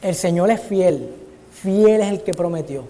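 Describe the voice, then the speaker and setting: Speaking unhurriedly in a high, warm voice, this man delivers an earnest Bible study sermon in a church hall and keeps calling his listeners brother. Long church-hall reverb surrounds the recording.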